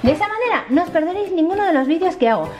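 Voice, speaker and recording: A woman with a Spain Spanish accent hosting children's toy videos in a playful, exclamatory, squeaky sing-song manner. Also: expressive, very fast, lo-fi sound. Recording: music behind the voice.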